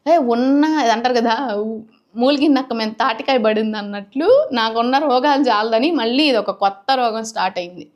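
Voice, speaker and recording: High-voiced indignant woman vlogger. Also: a little fast. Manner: indignant, rising to sharp outbursts. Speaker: cooking channel vlogger. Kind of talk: emotional talk to camera.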